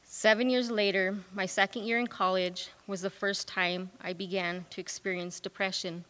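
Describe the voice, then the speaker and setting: A woman's voice: medium pitch, fairly even intonation, normal speed, a bit bright. Young woman's reflective monologue in a hall. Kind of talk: performed personal monologue. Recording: reverberant hall.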